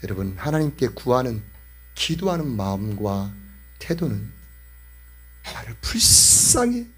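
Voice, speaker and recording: A man's voice: high-pitched, vocal fry, darkish tone, breathy edge. A male pastor preaching a sermon with impassioned, emphatic repetition.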